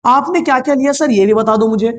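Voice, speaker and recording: A man's voice: extremely high pitch, quick pace. A male teacher voicing an eager young student who politely asks his teacher for explanations. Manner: polite, agreeable, addresses teacher as sir.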